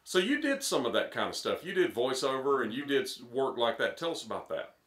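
A man's voice: medium pitch, a little fast, slightly rough, no echo. A man, reminiscing in casual chat and then narrating while driving. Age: 50s. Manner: relaxed, reminiscing. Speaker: vlog host. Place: living room, then a car.

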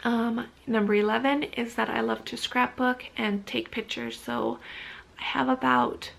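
Chatty woman in her thirties with vocal fry. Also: fairly high pitch, fairly even intonation, measured pace, fairly bright tone, a little hiss or hum, low-quality recording. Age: 30s. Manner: chatty, rambling with frequent restarts and ums. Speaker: vlogger. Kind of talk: casual chat to camera. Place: living room, seated on a sofa.

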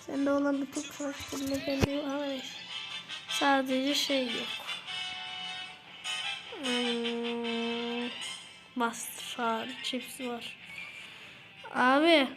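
A young girl hosting her gaming channel, commenting casually and excitedly as she plays against her brother. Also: high-pitched, slow pace, long pauses, poor audio. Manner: excited, taunting during play. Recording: game music playing behind the voice.

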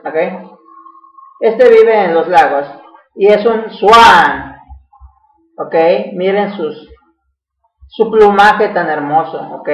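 Male teacher, patient repetition drill, heard from across an echoey room. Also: sits high. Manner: repeats each word slowly, checking with "¿ok?". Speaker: English teacher. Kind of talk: classroom vocabulary drill. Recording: echoey room, mic far off.

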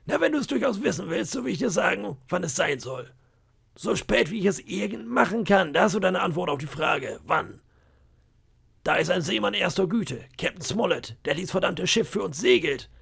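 A man voicing a boastful, scheming pirate cook of about fifty, with a gravelly, raspy voice and a sly, bragging manner. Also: sits high, animated, moderate pace, a bit bright, voice pushed up, heavily acted. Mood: scornful. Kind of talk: audiobook character voice.

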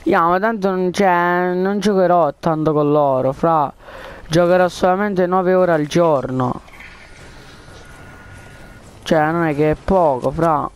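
With a fairly high, steady, smooth voice, a gaming video creator takes things slowly and pauses often. He chats casually on his headset, rambling and filling gaps while persuading a friend during a prank.

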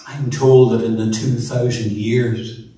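A male minister preaching a sermon in earnest, repeating words as he builds emphasis, with touches of gentle storytelling humor. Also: mid-range voice, level tone, takes it slowly. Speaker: minister leading worship. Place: large church sanctuary. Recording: echoey church from a distance.

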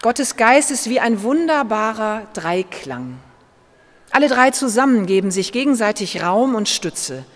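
A woman pastor with a German accent, preaching a sermon in a slow, measured way with gentle emphasis. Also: a little high, big pitch swings. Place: church. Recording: long church reverb.

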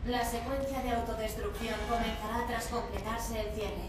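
A calm, unhurried facility computer whose flat, measured warnings ring out over a distant, echoing loudspeaker. The voice sits a little high and keeps the same even pace, with game music thick behind it. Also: female voice. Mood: steady. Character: calm female facility computer announcing self-destruct. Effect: loudspeaker announcement. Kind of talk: automated public announcement.

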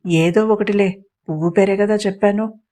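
A woman's voice: medium pitch, steady tone, normal speed, dark tone, natural voice. A woman voicing a confident, sarcastic young prince in a storybook reading. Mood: mocking. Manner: teasing and sarcastic.

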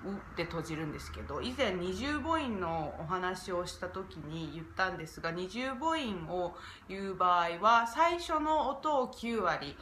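A woman gives a casual vlog lesson on pronunciation, drawing vowels out slowly when she demonstrates them. Her voice sits in the middle of the range. The recording carries a roomy echo. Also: lowish voice, very animated, bright, forceful tone, a little hiss or hum. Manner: demonstrates vowel sounds with drawn-out, exaggerated syllables. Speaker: jazz vocalist teaching English pronunciation.

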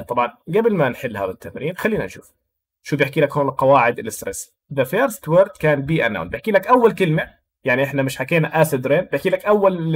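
Jordanian man teaching English, slightly high voice. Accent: Jordanian Arabic. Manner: switches between slow read English and quick Arabic explanation. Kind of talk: explaining a textbook lesson.

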